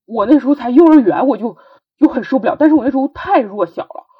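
Appearing as a podcast guest, a young woman recounts her own story in a husky, breathy voice that sits high with lively intonation. Her delivery is earnest yet halting, with frequent restarts, on a dull, lo-fi recording.

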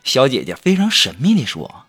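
A man's voice: mid-range voice, huge pitch swings, normal speed. A man telling funny stories and jokes in a humorous monologue, with a playful, teasing and chatty manner. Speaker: comedic storyteller. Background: background music.

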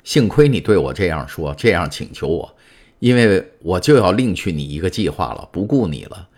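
A man's voice: sits low, big pitch swings, moderate pace, a little mellow. A man voicing a secretive, calculating older male prisoner who speaks in guarded questions in an audiobook. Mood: grave. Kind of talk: audiobook character voice.

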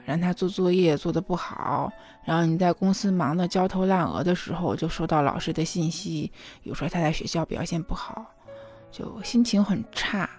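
A woman's voice: lowish voice, a little mellow. A woman in her thirties, a mother telling a personal story in an earnest, emotional, confiding way, often checking in with the listener. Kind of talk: confiding spoken monologue.

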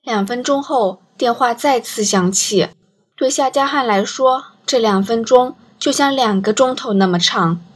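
A woman reading a crime story aloud, her voice fairly high with a husky, breathy edge. She tells the story at a steady pace. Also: unhurried. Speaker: narrator. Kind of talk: audiobook narration.

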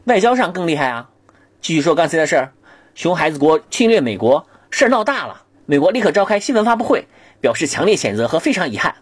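A man's voice: a little high, big pitch swings, fast talker, breathy edge, dry recording. A man telling a satirical comedy monologue in a mock-serious, exaggerated storytelling manner. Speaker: comedic narrator.

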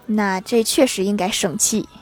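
A woman host telling a string of scripted comic stories with lively, chuckling punchlines. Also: medium pitch, normal speed, noisy background. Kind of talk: scripted comic joke storytelling.

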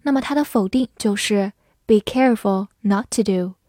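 A woman teaching English vocabulary in a scripted lesson, spelling out words letter by letter and reading example sentences slowly. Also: medium pitch, warm tone, no room sound, studio quality.

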